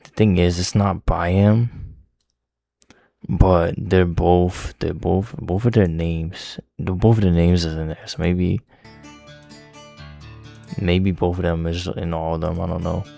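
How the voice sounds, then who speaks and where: Deep gravelly young man, slight lisp. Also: fairly even intonation, takes it slowly, pauses often, mellow, no room sound, faint music behind. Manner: rambling, loose, swearing often. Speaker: music reaction youtuber. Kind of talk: casual reaction commentary.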